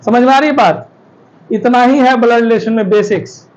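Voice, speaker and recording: A man's voice: very high voice, normal speed, highs cut off. A man teaching a classroom lecture, explaining step by step and often checking that the students follow.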